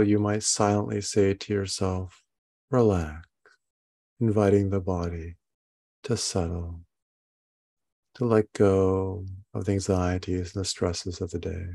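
Slow, creaky-voiced man guiding meditation. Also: low-pitched, dark tone. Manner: halting, unhurried instruction with long pauses. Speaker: meditation guide. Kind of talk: guided body scan meditation.

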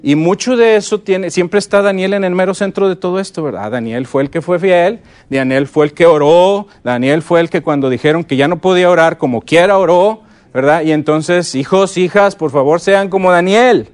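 A middle-aged man lectures at a conference with a fairly high voice. He keeps asking his listeners whether they follow him and slows down to stress key words. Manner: lively, asks the audience frequent check-in questions. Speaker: conference speaker teaching. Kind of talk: conference lecture on teaching Bible stories.

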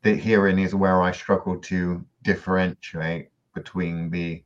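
Man, very low voice, dry sardonic podcast chat, dull lo-fi sound. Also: little pitch movement, a little slow. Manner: dry, sardonic, trailing off quietly at line ends. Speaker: podcast co-host. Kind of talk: casual podcast discussion.

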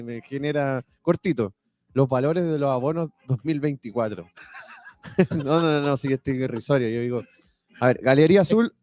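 A man with a Chilean accent in a casual sports chat, briskly reading out figures with small hesitations. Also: fairly high pitch, darkish tone, no room sound. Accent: Chilean Spanish.

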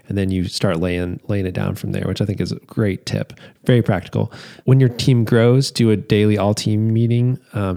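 Podcast cohost guy, low gravelly voice, mellow and dark, reading his notes back. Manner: attentive, affirming listener, reads out notes. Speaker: podcast co-host. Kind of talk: casual interview talk.

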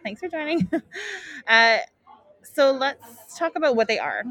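A woman's voice: high voice, very animated, a little slow, bright, forceful tone, no room sound. A woman hosting a casual live podcast at a wedding show, talking informally through a face mask and often breaking off mid-thought. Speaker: podcast host and wedding planner. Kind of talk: casual live talk to listeners.

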